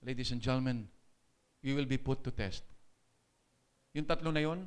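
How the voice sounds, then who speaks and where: A man with a Filipino accent preaching a sermon, switching between Tagalog and English, joking with the congregation and slowing down to stress his points. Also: mid-range voice, clear, resonant tone. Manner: mixes Tagalog and English, jokes with the congregation, slows down for emphasis. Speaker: guest preacher.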